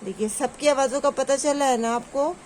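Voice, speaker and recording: A woman teaching a children's reading lesson, explaining a sound and then drawing out each letter drill slowly. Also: high voice, steady tone, a little mellow, a little hiss or hum, rough recording.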